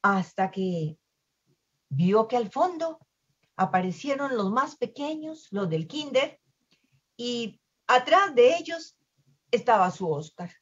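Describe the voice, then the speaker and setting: A woman telling a children's story in an expressive, lively way. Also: on the high side, takes it slowly, slightly rough, lo-fi sound.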